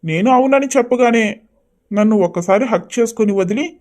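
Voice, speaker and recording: A man voicing an easygoing young husband and son in a cartoon story, gently teasing. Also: sits high, moderate pace, lightly acted.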